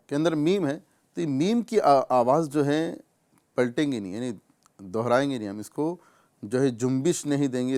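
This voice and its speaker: Smooth-voiced Pakistani Urdu recitation teacher. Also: male voice, medium pitch, a little mellow. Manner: explains patiently, repeats sounds slowly and drawn out. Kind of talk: tajweed lesson with recitation examples.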